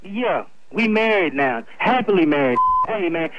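High-voiced man on a muffled payphone call line. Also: sing-song, a little slow. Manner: casual street slang, defensive and confrontational. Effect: heard over a payphone call line. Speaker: husband answering the phone. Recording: muffled, noisy phone line.

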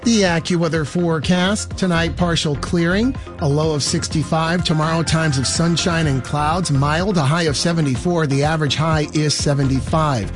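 A male news anchor reading a scripted radio newscast in a measured, even delivery. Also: on the high side, over music.

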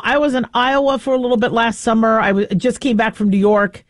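A middle-aged woman from the American Southwest, speaking with an American accent, hosts a talk radio show in a casual, rambling, outspoken monologue. Her fairly high voice comes through in studio quality with no room sound.

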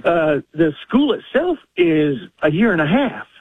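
A man's voice: high-pitched, sing-song, measured pace, creaky, slightly rough, dry recording. A man in his sixties calling in to a radio talk show, explaining earnestly at length. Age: 60s. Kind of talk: casual talk radio call. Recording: tinny phone line.

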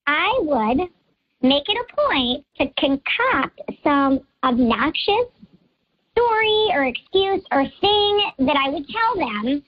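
A woman speaking through a voice changer that turns her voice high and childlike, casually telling a playful story as a guest. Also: big pitch swings, slow, dry recording. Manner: playful, storytelling, laughs at her own pranks. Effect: voice changer shifting her voice higher and childlike. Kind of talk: casual chat. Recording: dull muffled voice-changer audio, dry.

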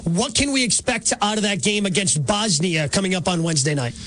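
A man's voice: high voice, a bit bright. A man hosting a radio sports show, chatty and full of fillers. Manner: chatty and fast, with many fillers.

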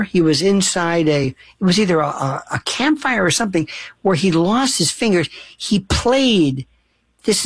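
A man's voice: sits high, no echo. Inquisitive male talk-radio host, dry sound. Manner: animated, probing questions with frequent restarts. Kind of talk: casual talk-radio conversation.

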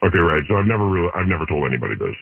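A man's voice: low-pitched, very animated, racing, creaky, no room sound. A man calling in to confess anonymously, his voice disguised by a voice changer, talking hesitantly with fillers. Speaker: anonymous caller. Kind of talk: call-in confession. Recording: tinny phone line with voice changer.

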